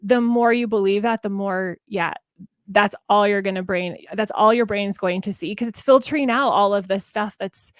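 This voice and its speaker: A woman speaking as a parenting coach in a casual podcast interview, talking in animated bursts with many restarts, and acting out the voices of parents and children. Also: mid-range voice, normal speed, dry recording, clean studio sound.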